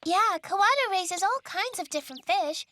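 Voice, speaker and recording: A woman's voice: very high-pitched, animated, normal speed, sharp tone, a little hiss or hum, exaggerated voice. A woman voicing an agreeable, matter-of-fact young schoolchild in an overacted anime dub.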